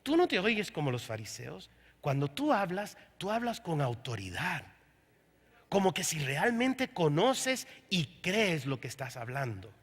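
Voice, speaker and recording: During a church service, a pastor preaches a sermon, telling his story with quoted dialogue. His voice is a little high and husky, very animated yet unhurried. Long hall reverb from the church room fills the recording.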